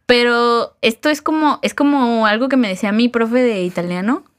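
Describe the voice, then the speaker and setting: A woman with a Mexican Spanish accent talks through musical ideas in a relaxed podcast chat. She explains patiently, leans on fillers, and laughs easily. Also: a little high, normal speed.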